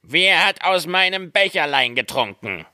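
A man voicing a group of little male dwarfs in a storybook reading, with a high squeaky voice. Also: lively intonation, unhurried, pushed and bright, no echo, clean studio sound, full character voice. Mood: puzzled.

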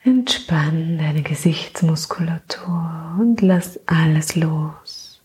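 A woman slowly narrating a soothing sleep meditation in a hushed, half-whispered voice, calm, with gentle pauses between phrases. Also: deep voice, breathy edge. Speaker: guided meditation narrator and podcast host.

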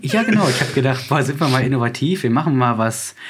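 A man hosts a podcast in a casual, chatty style. His medium-pitched voice has a husky edge. He talks colloquially and likes to tease. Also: expressive, fast talker. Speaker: podcast host, financial adviser. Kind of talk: casual chat.

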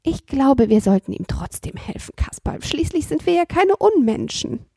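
A woman voicing a kind old grandmother who speaks softly and gently. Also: sing-song, moderate pace, dry recording, studio quality. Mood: gentle, tender. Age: older. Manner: soft and gentle, very high.

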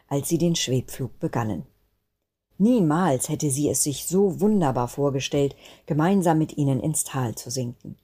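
A woman narrating a Christmas children's story in a gentle, expressive reading manner. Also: low voice, breathy edge. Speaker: guest storyteller.

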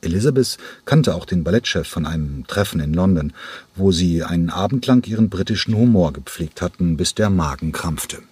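A man reading an audiobook in a measured storytelling manner. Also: low voice, animated, darkish tone, husky, no room sound. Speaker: audiobook narrator. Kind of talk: scripted narration.

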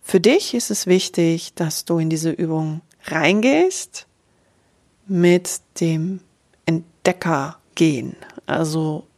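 A woman's voice: sits low, slow, a little mellow. A woman voice coach explaining a voice exercise on her podcast, speaking straight to the listener in an encouraging way. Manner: encouraging, direct address to listener. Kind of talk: podcast voice lesson. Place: podcast recording.

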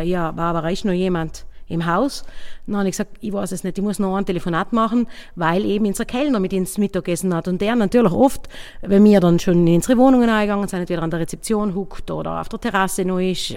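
A woman innkeeper with a South Tyrolean German accent, telling her own story in a halting, casual way, often searching for words. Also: mid-range voice, darkish tone, in a large hall. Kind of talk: personal account, casual spoken.

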